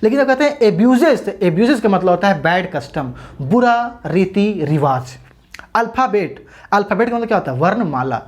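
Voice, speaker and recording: A woman's voice: mid-range voice, sing-song, brisk. A woman teaching an English grammar lesson for exam students, asking questions and answering them herself, and addressing viewers as brothers and sisters.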